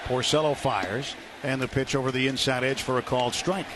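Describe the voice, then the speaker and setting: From an outdoor ballpark broadcast booth, an American man calls live baseball play-by-play on the radio in clipped, descriptive phrases. His medium-pitched voice is steady and brisk, and the live broadcast is noisy.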